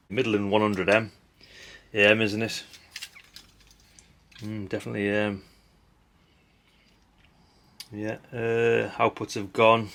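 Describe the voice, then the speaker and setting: A low-pitched, slightly bright middle-aged man chats casually as a hobbyist video host. While sorting old parts he rambles in unscripted commentary, blunt and chatty, with mild swearing and tag questions.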